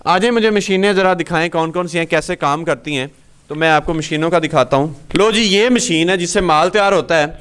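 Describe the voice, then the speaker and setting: A man's voice: fairly high pitch, brisk, a bit bright, clean tone. A man in his thirties from Pakistan, hosting a business interview and explaining machines step by step, recorded on a handheld mic in a small indoor workshop. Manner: explanatory, walks through machines. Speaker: host.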